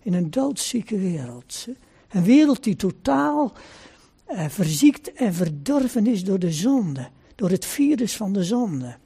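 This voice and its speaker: Male preacher, solemn sermon delivery, husky mellow voice, repeats phrases for weight. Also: high-pitched, big pitch swings. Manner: slow deliberate preaching with "hè" asides. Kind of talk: sermon with scripture reading.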